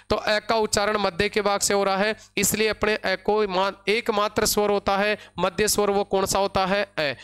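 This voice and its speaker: A male grammar teacher with a high, smooth, resonant voice. He teaches an online class in a patient, repetitive way. He keeps asking the students questions and answering them himself, and he drags out key terms word by word as if dictating notes. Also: fairly bright tone. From India. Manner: slow, dictating pace when spelling out terms.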